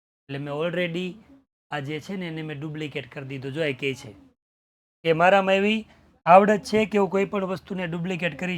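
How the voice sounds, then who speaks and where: A young man teaching a class, explaining a story with dramatic retellings and switching between languages. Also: sits high.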